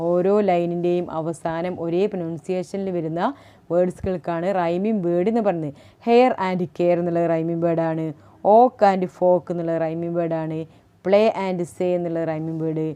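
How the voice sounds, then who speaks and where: A woman's voice: lowish voice, dark tone, smooth. A woman teacher with a Malayali accent explaining a poem, reading lines aloud and asking questions that she answers herself. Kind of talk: class lesson explaining a poem.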